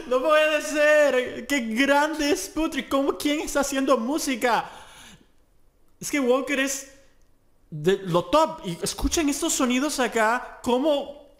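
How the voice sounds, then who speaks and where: A man's voice: very high voice, slow, fairly bright tone. A young man from Latin America hosting a music reaction, gushing with exclamations and pointing out singing technique as a song plays. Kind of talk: reaction commentary over a song. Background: song playing faintly.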